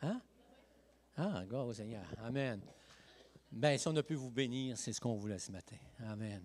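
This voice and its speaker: A male pastor from Lac-Saint-Jean with a Quebec French accent, giving a lively, joking evangelical sermon full of "hey" and "amen" interjections. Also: mid-range voice, normal speed. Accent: Quebec French, Saguenay–Lac-Saint-Jean. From Quebec, Lac-Saint-Jean region. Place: church sanctuary.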